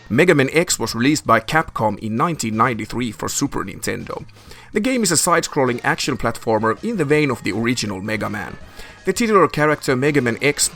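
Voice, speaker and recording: A man's voice: medium pitch, a bit bright. A man narrates a scripted video game review over background music. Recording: music behind the voice.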